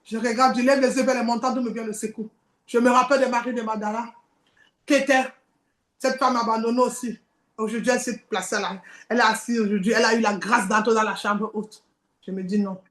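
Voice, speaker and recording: High-voiced woman preaching a dramatic sermon. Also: fairly even intonation, a little fast, fairly bright tone, roomy sound. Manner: dramatic, acts out tempting voices in dialogue.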